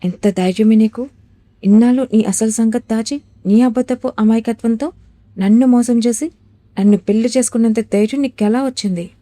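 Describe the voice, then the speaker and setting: A woman voicing a furious, jealous young husband who shouts and sneers cruel insults in a storybook drama. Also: on the high side, brisk, dry recording, close to an everyday voice.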